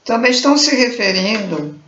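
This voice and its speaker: A Brazilian woman giving an informal spiritual talk, chanting mantras slowly as examples and groping for words she has forgotten. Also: fairly high pitch, sing-song, a bit bright. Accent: Brazilian Portuguese. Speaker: spiritual teacher. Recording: roomy, muffled home recording.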